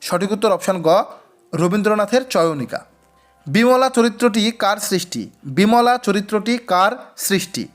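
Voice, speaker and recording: Man, high-pitched, exam-prep tutor, repeats questions, faint background music. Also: animated, measured pace. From West Bengal. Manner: reads each question twice, then explains. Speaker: teacher. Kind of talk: exam-prep quiz lesson.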